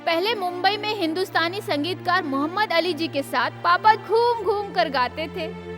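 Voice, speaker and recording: A woman's voice: very high voice, moderate pace, music in the background. A woman dubbing a sarcastic young village daughter in a Hindi film dub. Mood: teasing.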